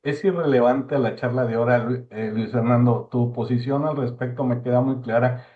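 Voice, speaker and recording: A man giving an informal talk, halting and repeating words for emphasis. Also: medium pitch, steady tone. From Mexico. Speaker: speaker giving a talk on postal history. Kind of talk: informal lecture discussion. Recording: thin phone-like online call audio.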